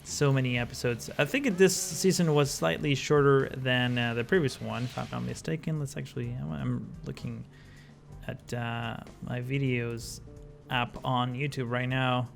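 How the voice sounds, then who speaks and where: A man's voice: mid-range voice, fairly even intonation, normal speed, creaky, faint music behind. A man giving casual gameplay commentary as the host of his channel, rambling with many fillers and self-corrections.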